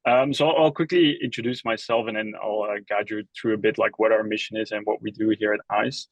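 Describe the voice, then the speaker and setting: A man's voice: lowish voice, fairly even intonation, brisk, dry recording, low-quality recording. A young man from Belgium, a company co-founder, giving a webinar presentation in a casual way with many fillers and restarts.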